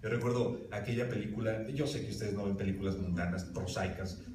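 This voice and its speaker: A man's voice: on the low side, brisk, background noise. A man preaching a sermon to his congregation, emphatic, putting questions straight to his listeners. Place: church hall. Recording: roomy hall from a distance.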